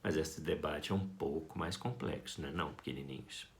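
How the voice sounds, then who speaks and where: A Brazilian man giving a school art lesson, talking to his students in a playful, affectionate and expressive way. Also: very deep voice, moderate pace. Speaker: art teacher.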